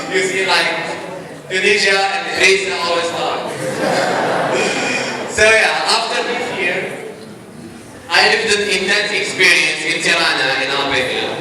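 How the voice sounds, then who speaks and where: A man's voice: high-pitched, slow, pauses often, background noise. Young Algerian man in echoey hall. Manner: chatty, upbeat, rallies the crowd. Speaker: conference speaker. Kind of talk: casual conference talk. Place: large conference hall. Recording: echoey hall, mic at a distance. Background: audience.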